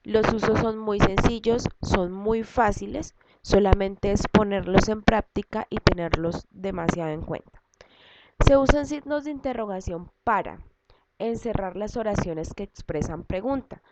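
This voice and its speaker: A woman's voice: medium pitch, unhurried. A woman teacher giving a recorded lesson, explaining step by step and repeating each point patiently. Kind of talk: recorded class lesson for students. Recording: dull lo-fi audio with loud background noise and clicks.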